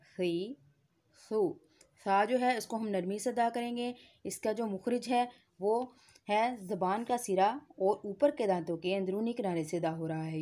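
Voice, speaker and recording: A woman's voice: mid-range voice, warm tone. A woman teaching Quran recitation, drilling letter sounds one by one and patiently explaining where each is formed. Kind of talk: slow tajweed lesson with repeated syllable drills.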